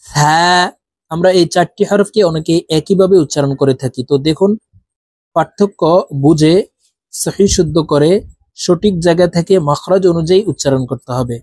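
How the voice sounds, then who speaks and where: A man teaching Quran reading, chanting Arabic letters one by one in long drawn-out tones for viewers to repeat. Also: fairly high pitch, darkish tone, no room sound, clean studio sound. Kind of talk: Arabic letter pronunciation lesson.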